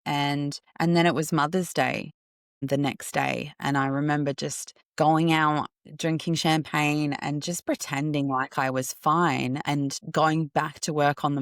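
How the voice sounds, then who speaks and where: Gravelly woman telling her story. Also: deep voice, dry recording, studio quality. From Australia. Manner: candid, reflective, searching for words. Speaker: podcast host. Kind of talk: personal storytelling monologue.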